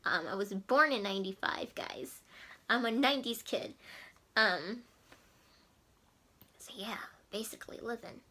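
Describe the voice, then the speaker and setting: A young woman in her twenties talks casually to her viewers, rambling and restarting her sentences with frequent fillers. Her voice is bright and forward, sitting at an ordinary pitch for a woman. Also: expressive, measured pace, long pauses. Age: 20s. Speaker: vlogger. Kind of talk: casual chat to camera.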